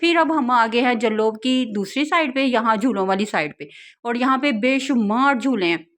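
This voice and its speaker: A young woman narrating her family outing in a relaxed vlog, chatting and laughing often as she tells it. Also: on the high side, normal speed. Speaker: vlogger, mother.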